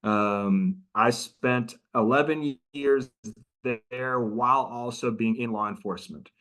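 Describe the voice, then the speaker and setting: Speaking slowly in a mid-range, somewhat bright voice, a middle-aged prosecutor and trainer presents a training over video call. His style is casual and talkative, and he draws the audience in.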